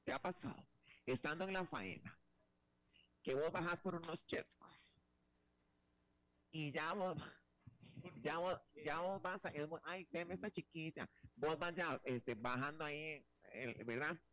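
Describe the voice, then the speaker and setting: A man's voice: on the high side, a little slow, pauses often, fairly bright tone. Flamboyant chatty male talk host. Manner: flamboyant, teasing, chatty with many restarts. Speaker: show host. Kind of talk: playful talk-show banter.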